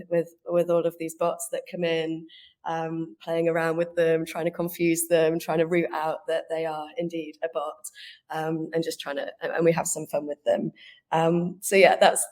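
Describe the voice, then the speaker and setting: A woman's voice: deep voice, darkish tone. A woman, a marketing executive guest, speaking in lighthearted casual podcast chat and laughing between sentences.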